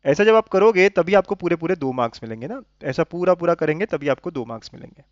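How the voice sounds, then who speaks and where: A fairly high-voiced man teaches maths, coaxing his students along and checking that they follow. The sound is dull and lo-fi, close and dry. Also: lively intonation, fast talker, dry recording. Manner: coaxing, keeps checking understanding with tag questions. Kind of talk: explaining lesson to students.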